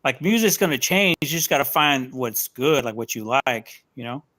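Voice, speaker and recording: A man's voice: medium pitch, expressive, moderate pace, sharp tone, poor audio. A man chatting casually as a guest over a video call, rambling with lots of fillers and laid-back slang. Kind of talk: casual chat.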